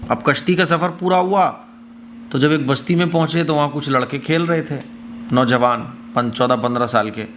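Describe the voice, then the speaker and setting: A man's voice: a little high, fairly bright tone, a little hiss or hum. A man delivering a religious commentary, explaining verses in a conversational teaching manner. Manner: reciting verses slowly then explaining them conversationally. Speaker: Quran commentator.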